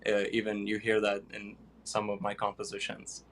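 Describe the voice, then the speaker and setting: A young man from Iraq, a pianist guest, answering interview questions with many pauses and fillers. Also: fairly low pitch, monotone, fairly bright tone, a little hiss or hum.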